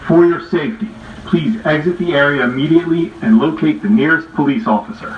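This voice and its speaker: Man's warning blared through a siren loudspeaker. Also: fairly high pitch, fairly quick. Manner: loud, formal warning. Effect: pre-recorded message blared through a siren loudspeaker. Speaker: police announcement. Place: outdoors, from a vehicle siren speaker. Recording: echoey distant loudspeaker, dull lo-fi, street noise.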